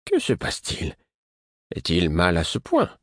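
A man voicing a brisk, practical older male mentor, grudging but concerned. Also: sits low, huge pitch swings, no room sound, studio quality, exaggerated voice.

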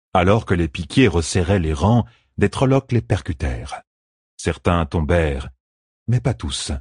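A man narrating an audiobook with a measured, expressive reading. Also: deep voice, slightly rough, no echo, studio quality.

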